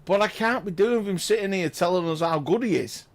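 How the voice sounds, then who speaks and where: An excitable man, doing chatty live commentary on a pool match and exclaiming loudly at big shots. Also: sits high, fairly quick. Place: pool lounge.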